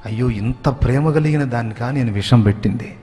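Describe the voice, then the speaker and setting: Brief: male preacher, mid-pitched, storytelling sermon, faint music underneath. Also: fairly quick. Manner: dramatic narration rising to loud, high emphasis.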